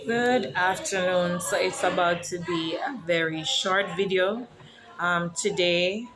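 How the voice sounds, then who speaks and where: A woman's voice: fairly low pitch, background noise. Jamaican woman teacher vlogging casually. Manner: explanatory, teacherly, spelling words out. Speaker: teacher and author. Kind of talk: casual vlog.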